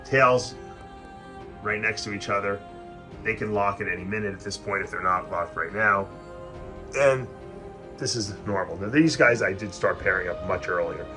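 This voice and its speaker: A man's voice: lowish voice, moderate pace, long pauses, over music. A man giving a casual, informal explainer as host of a reptile breeding vlog, talking directly to his viewers. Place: indoor snake breeding facility.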